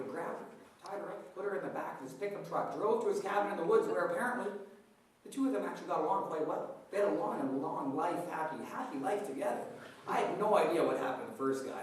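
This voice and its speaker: A man's voice: on the high side, animated, fast talker, lightly acted. A man playing a wry, lonely centuries-old ghost who hosts a live ghost walk with droll, dramatic storytelling. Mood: wry, teasing. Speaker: host of a ghost walk show. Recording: echoey, distant, noisy live performance recording.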